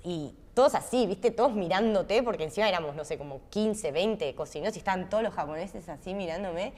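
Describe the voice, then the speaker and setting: A woman's voice: on the low side, animated, fairly quick, darkish tone, a little hiss or hum. An Argentine woman chef in an interview, telling stories with animation and acting out her own past thoughts in quotes. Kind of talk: interview storytelling.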